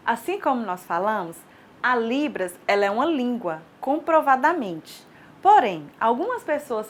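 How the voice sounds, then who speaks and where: Brazilian woman teacher, kinda high voice, explains patiently, asks "ok?" a lot, faint hiss behind. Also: a bit bright. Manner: explanatory, checks understanding with frequent "ok?". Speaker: sign language teacher. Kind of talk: recorded online lecture. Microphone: studio lecture recording.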